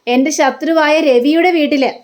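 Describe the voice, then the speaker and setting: A woman's voice: sits high, normal speed, lightly acted. A woman voicing a stubborn, resentful middle-aged father who speaks bitterly and firmly.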